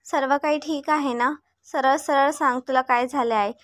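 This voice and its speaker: A woman's voice: high voice, steady tone, normal speed, dry recording, studio quality, close to an everyday voice. A woman voicing a young man who is a curious, loyal friend in a read-aloud story.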